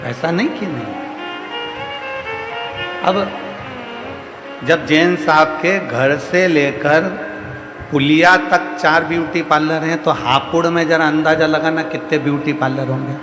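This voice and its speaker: A man's voice: a little high, measured pace, pauses often. A man with a central Indian Hindi accent delivering a devotional sermon, building each point through rhythmic repeated refrains. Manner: repetitive, rhythmic preaching with rising refrains. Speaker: kathavachak preacher. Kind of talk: devotional sermon to a large crowd. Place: large outdoor or hall religious gathering. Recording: echoey hall, long reverb, faint music.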